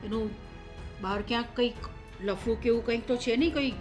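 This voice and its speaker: An actress playing a stern middle-aged mother who presses her daughter-in-law about her son's missing money, insistent and accusing, with soft music behind. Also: fairly high pitch, brisk, lightly acted. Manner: accusing, insistent, lists sums and grievances. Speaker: actor in a family drama. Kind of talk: short-film drama acting. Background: soft background music.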